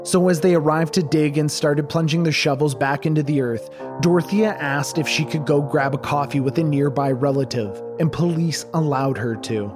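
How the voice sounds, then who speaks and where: A man narrating a true crime story in a measured, dramatic scripted style. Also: on the high side, over music.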